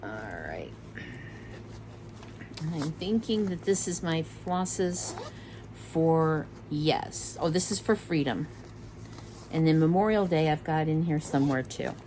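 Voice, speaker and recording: A middle-aged woman vlogger talks in an unhurried, chatty way, pausing and correcting herself as she rambles along. Her voice sits a little low for a woman, with a faint hiss of room noise behind her. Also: very animated, dark tone, poor audio. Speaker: cross-stitch vlogger. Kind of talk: casual show-and-tell chat.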